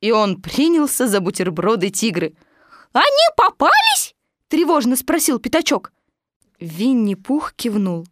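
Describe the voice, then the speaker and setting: A woman reading a children's storybook aloud in a slow, expressive, gentle way. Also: mid-range voice, no echo, clean studio sound.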